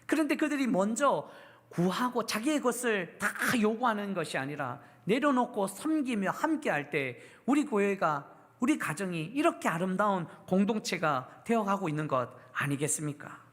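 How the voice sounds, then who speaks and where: A woman's voice: mid-range voice, sing-song, normal speed. A woman pastor preaching a sermon at a church service, asking the congregation questions and having them repeat lines back.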